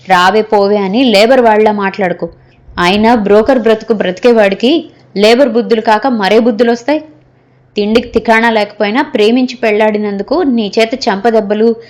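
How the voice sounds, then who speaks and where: Defiant young wife, sharp-tongued, proud, cutting retorts, voiced by a woman narrator. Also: a little high, a little fast, natural voice.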